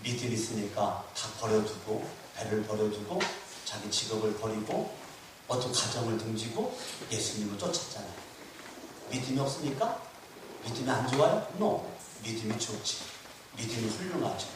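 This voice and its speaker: In a fairly low, expressive voice at a moderate pace, this male pastor preaches in a church hall, hammering points through repetition and questioning the congregation rhetorically. The background is noisy, and the echoey hall was recorded from far off.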